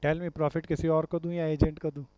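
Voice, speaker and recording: A man's voice: on the high side, level tone, brisk, dark tone, clear, resonant tone, no room sound. Male teacher, quizzing style, slightly dull lo-fi recording. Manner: quizzing students, calls them dear friends and brother. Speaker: commerce teacher. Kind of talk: classroom lecture with questions to students. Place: classroom. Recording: dull lo-fi sound.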